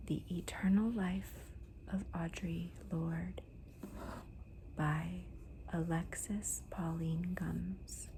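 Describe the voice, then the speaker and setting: A woman speaking in a hushed, breathy whisper in a soft-spoken ASMR book talk, with deliberate, gentle pauses between phrases. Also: fairly low pitch, little pitch movement, poor audio. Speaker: host of a book haul video. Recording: noticeable background noise.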